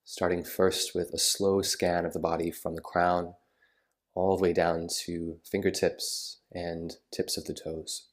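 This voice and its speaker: A yoga nidra meditation guide with a low-pitched voice leads a guided relaxation practice. His intonation stays very level and steady, and he phrases instructions soothingly and unhurriedly, pausing between them.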